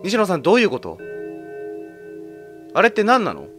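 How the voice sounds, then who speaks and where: A man's voice: high-pitched, huge pitch swings, moderate pace, a bit bright. A man giving casual, chatty commentary while playing a horror game. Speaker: let's play streamer. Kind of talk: horror game commentary, casual chat mixed with reading dialogue aloud. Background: horror game music.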